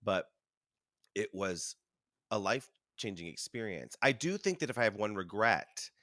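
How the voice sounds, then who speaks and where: A man in his thirties, a Broadway performer talking as an interview guest, telling animated stories and chewing food as he talks. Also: lowish voice, unhurried, no echo, studio quality. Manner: animated storytelling, acts out voices, chuckles. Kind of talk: casual conversational interview.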